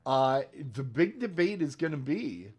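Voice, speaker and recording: A man's voice: a little high, sing-song, a little slow, darkish tone, slightly rough. A man co-hosting a movie podcast in casual, joking banter with his co-host. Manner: jokey, playful banter. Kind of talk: casual chat.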